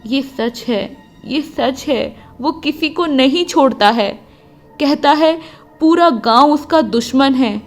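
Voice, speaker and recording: A woman doing a fearful, hushed village mother. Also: high voice, takes it slowly, faint music behind. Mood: tearful. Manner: hushed, hesitant, evasive. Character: fearful middle-aged village mother, hiding grief.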